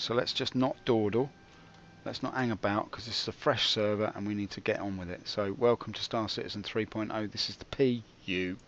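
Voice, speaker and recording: A man's voice: on the low side, muffled recording, a little hiss or hum. A man hosting a gaming video with rambling, self-mocking, dryly comic commentary. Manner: dry, self-mocking, digressive.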